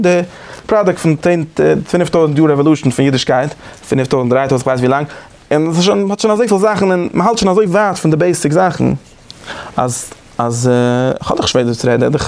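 A man teaches an informal study group, and his voice sits a little high with a gravelly edge. He rushes along in halting bursts, restarting and repeating himself. He grows emphatic as he makes his points. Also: lively intonation, a little mellow. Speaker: teacher leading a class discussion.

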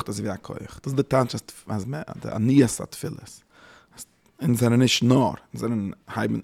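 A man giving a spoken religious lecture as a teacher, halting and searching for words, often dropping in English terms. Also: medium pitch, vocal fry, dark tone, slightly rough.

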